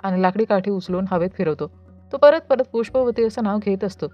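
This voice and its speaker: A woman's voice: mid-range voice, a little fast, a little mellow. A woman narrating a series recap in a sympathetic, dramatic storytelling manner. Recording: dull lo-fi voice-over with music.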